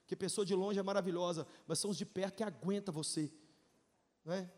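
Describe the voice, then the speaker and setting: A Brazilian man in his forties, a pastor giving a testimony sermon, telling his story with emotion, jumping from shouts to hushed asides and jokes. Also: sits high, fairly quick, long reverb tail. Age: 40s.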